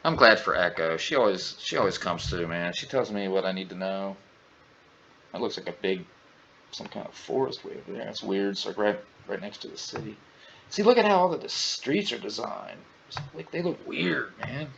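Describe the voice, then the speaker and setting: Playful man with a lively voice. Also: fairly low pitch, moderate pace, vocal fry, a little hiss or hum. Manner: playful, joking, exclamatory. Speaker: gaming channel host. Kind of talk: casual VR flight sim commentary. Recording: dull lo-fi audio, faint ambience.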